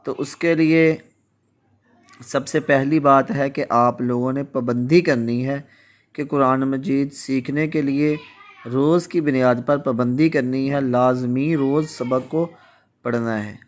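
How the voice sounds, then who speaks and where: Pakistani guy teaching quran recitation, slow careful explaining. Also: mid-range voice, fairly even intonation. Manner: slow, explanatory, contrasts word pronunciations. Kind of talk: Urdu tajweed lesson.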